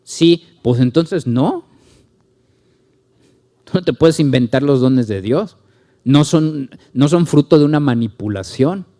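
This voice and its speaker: A middle-aged male pastor with a Mexican Spanish accent, teaching a Bible study and telling stories with acted-out dialogue. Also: normal speed. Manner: storytelling, acts out dialogue with lively pitch swings.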